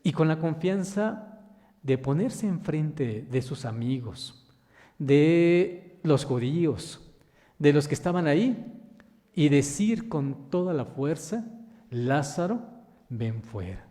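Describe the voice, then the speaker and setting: A man minister delivers a sermon in a church, his voice ringing with a long reverb. His tone is mellow and sits a little high for a man. He reads scripture, then turns to ask the congregation questions, calling them brothers. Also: animated, slow pace. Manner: addresses listeners as brothers.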